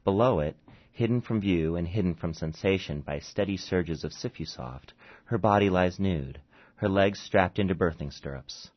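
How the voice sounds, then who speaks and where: A man, an author, reads his own short story aloud and chats haltingly with fillers between readings, in a dull lo-fi recording. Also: sits low. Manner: halting, with fillers, when chatting.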